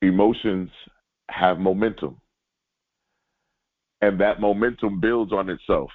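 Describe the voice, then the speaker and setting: A man with a lowish voice delivers a spiritual lesson like a sermon, addressing the audience as ladies and gentlemen. He slows down to repeat his main points. The sound is thin and tinny, like a phone line. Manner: repeats key lines slowly for emphasis; addresses listeners directly. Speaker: spiritual teacher. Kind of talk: sermon-like teaching.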